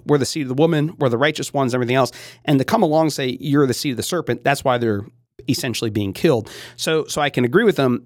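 A man's voice: medium pitch, no echo, clean studio sound. A man hosting a podcast, talking through theology in a casual monologue with frequent fillers and restarts. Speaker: podcast host.

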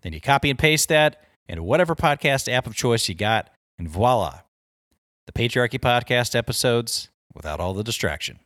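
A man hosting a podcast in casual chat, jokey and quick to laugh, sometimes mock-exasperated. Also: mid-range voice, lively intonation, fairly bright tone, dry recording, studio quality. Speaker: podcast host.

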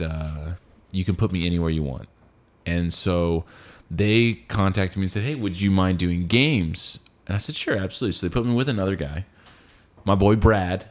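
Deep-voiced young male co-host, casual, rambling, self-correcting. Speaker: podcast co-host. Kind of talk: casual podcast chat.

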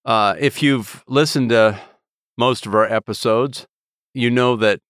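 Co-host, man, smooth resonant voice, halting, filler-heavy delivery, dry close sound. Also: mid-range voice, fairly bright tone, no echo. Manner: rambling, halting with many fillers and restarts. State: voice lower than usual from a cold. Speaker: podcast co-host. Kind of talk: casual chat.

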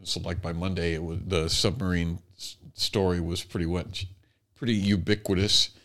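A middle-aged American man, a stand-up comic hosting a podcast, chats casually and tells jokey, self-deprecating stories. His voice is low and a bit bright, with little pitch movement and a moderate pace.

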